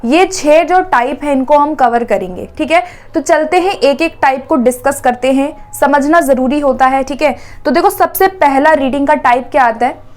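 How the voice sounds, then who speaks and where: A young woman with a high voice gives an exam-prep lecture. She speaks Hindi laced with English terms. She explains step by step, putting questions to her class and answering them herself. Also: normal speed. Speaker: teacher.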